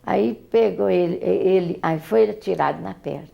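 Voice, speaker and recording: An older woman with a Brazilian accent recalls her daughter in an oral history interview, halting and often repeating words. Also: on the low side, creaky, muffled recording.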